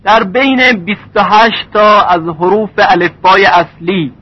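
A man teaching recitation rules in a lesson, stretching out example words slowly. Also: high voice, steady tone, husky. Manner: slow drawn-out example words. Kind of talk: tajweed lesson. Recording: dull lo-fi recording.

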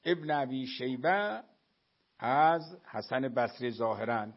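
A man giving a religious lecture, telling narrations to his listeners and reciting Arabic quotations slowly. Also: medium pitch, lively intonation, gravelly. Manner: storytelling, addresses listeners as dear friends. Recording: dull lo-fi recording.

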